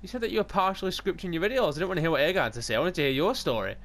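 Male host, slightly high voice, crude mocking commentary over clips. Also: very fast, a bit bright. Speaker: show host.

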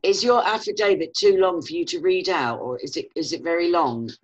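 A woman's voice: on the low side, breathy edge, highs cut off. A woman hosting an interview over a video call from home, asking curious questions and nodding along. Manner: curious, asks questions, quick short agreements. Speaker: host, interviewer. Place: room at home. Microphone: webcam on a video call.

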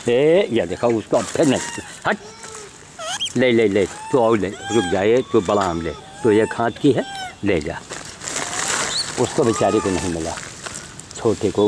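Slow, lively-voiced man coaxing animals outdoors. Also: on the low side, noisy background. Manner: coaxing, calls and shoos animals, chatty asides to camera. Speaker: vlogger feeding animals. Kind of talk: outdoor handheld vlog narration. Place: outdoors, rural spot with animals.

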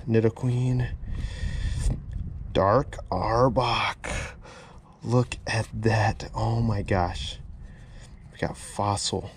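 A man with a lowish voice records an excited unboxing vlog on a head-mounted action camera while digging through a storage unit. Amazed, he keeps repeating exclamations, and a little hiss or hum runs underneath.

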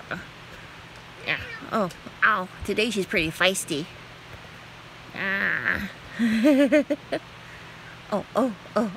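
A woman's voice: mid-range voice, slight background noise, poor audio. A woman at home filming her cat, talking to it in playful baby talk and mewing back at it. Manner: playful, laughing, coos and meows at the cat. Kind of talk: casual baby-talk to a pet. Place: home, indoors.

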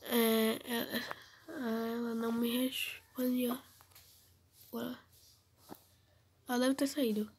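A teenage girl gives casual commentary over a game. She has a cold and keeps her fairly high voice soft and low, often near a whisper. A faint hiss sits under the recording. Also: little pitch movement, slow, long pauses. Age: teens. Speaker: gamer vlogger.

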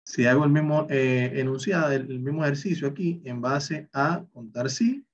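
A man's voice: mid-range voice, normal speed, far from the mic. A man teaching a recorded online spreadsheet class, explaining each step and talking through every calculation aloud. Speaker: Excel instructor. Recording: slightly dull, lo-fi recording.

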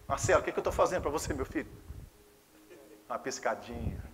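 A man with a Brazilian Portuguese accent preaching a Pentecostal sermon as a pastor, impassioned, swinging between hushed and exclaiming passages. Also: medium pitch, animated, fast, big-room sound. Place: church service.

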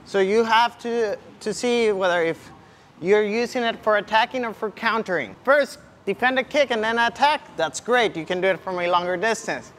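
In a large indoor MMA gym, a young-adult kickboxing coach walks through punches step by step, demonstrating as he gives short cues. His voice is high and a bit bright at a moderate pace, and background ambience is clearly audible.

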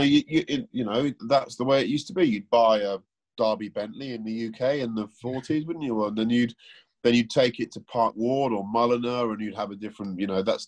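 A man, a car presenter, giving opinionated, thoughtful answers in a casual interview over a remote call, with frequent restarts. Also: mid-range voice. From England.

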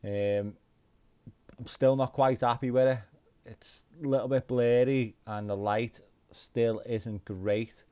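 A man hosts casually from his home rig with a smooth, clear voice. His delivery is monotone and informal, feeling its way through explanations. The recording is a little dull and muffled. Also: medium pitch, slow. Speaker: sim racing video host. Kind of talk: casual talk to viewers. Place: indoor home sim rig.

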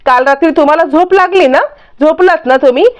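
A woman's voice: high voice, brisk, pitched above the performer's own voice, close to an everyday voice. A woman voicing a sulking husband with a hurt ego who answers curtly in a story retelling. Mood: sulky. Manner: curt, sulky.

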